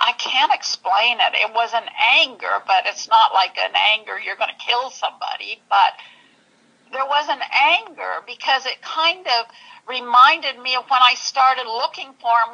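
Husky, gravelly-voiced woman recalling her past. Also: on the high side, pushed and bright, muffled recording. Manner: halting, searching for words, many restarts. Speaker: interview guest. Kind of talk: personal story in an interview.

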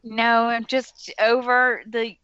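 A woman's voice: on the high side, flat delivery, slow, bright, forceful tone, clear, resonant tone, no echo, dull audio. A woman from the American South with a slight Southern accent, co-hosting a casual movie commentary, laughing often and swearing freely. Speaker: podcast co-host.

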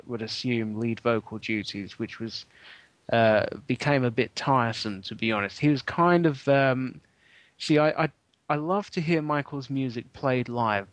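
With a mid-range voice in a dry recording, this man co-hosts a podcast and spins a story in a wry, casual way. The chat is loose and full of fillers, especially ums.

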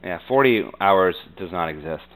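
Speaking in a deep voice with lively intonation, an American businessman gives conversational answers as an interview guest. He comes across earnest but halting, and "you know" pops up often. The audio quality is rough.

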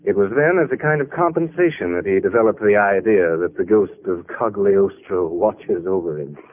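An actor playing an earnest, weary sanatorium doctor with formal authority in a 1940s radio drama. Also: male voice, lowish voice, moderate pace, natural voice. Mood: weary, reflective. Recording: tinny, hissy vintage radio recording.

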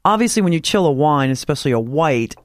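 Radio morning show guest, casual chat, bubbly, playful, very lively pitch, dry. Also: fast talker, no room sound.

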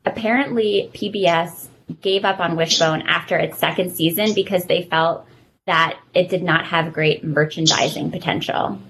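A woman in her thirties hosts a casual podcast chat, telling nostalgic stories in a slightly low voice. A faint hiss of noise sits behind her. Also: steady tone, normal speed, a bit bright, low-quality recording. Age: 30s. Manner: chatty, nostalgic storytelling. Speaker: podcast host.

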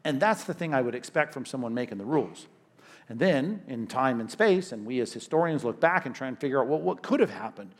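A male pastor preaching a sermon in an emphatic way. He repeats himself, throws in sudden loud stresses, and drops into quiet asides. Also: mid-range voice, lively intonation, fairly quick.

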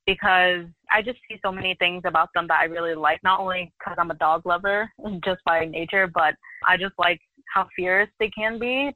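A woman's voice: lowish voice, sharp tone, no room sound, poor audio. A young adult woman talking as a podcast guest in a loose, chatty way, full of "like" fillers. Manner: talkative, loose, many "like" fillers. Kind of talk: casual interview chat.

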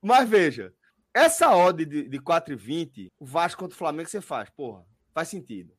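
A man's voice: a little high, very animated, normal speed, husky, no echo, clean studio sound. A man hosting a casual betting podcast in slangy, sweary colloquial speech. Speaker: podcast host.

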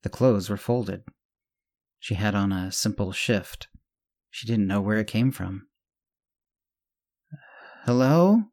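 A man hosting a podcast and reading a serial story aloud, measured and steady, with small self-corrections. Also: on the low side. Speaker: host and narrator. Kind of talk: scripted narration of a serial story.

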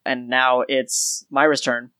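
Game master, informal tabletop narration, descriptive, mid pitch, dry close recording. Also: little pitch movement, slow, bright, forceful tone, smooth, no echo.

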